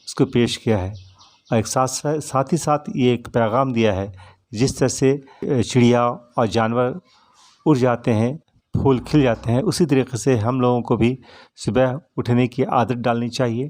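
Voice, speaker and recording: A male teacher explaining a children's poem. He recites each verse line, then slowly paraphrases it. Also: medium pitch, steady tone, a little mellow.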